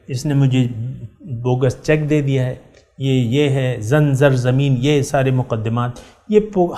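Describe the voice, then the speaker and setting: Speaking straight to his listeners, a middle-aged man teaches the Quran as a sermon, slowly reciting verses and repeating key words to stress them. His voice is a little high with a darkish tone.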